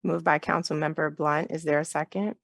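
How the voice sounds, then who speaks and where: A woman chairs a town council meeting over a video call, speaking with a low, level voice that barely rises or falls. Her delivery is measured and polite, running through motions and votes step by step. The sound is close and dry, with no room around it. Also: fairly even intonation, vocal fry, no echo.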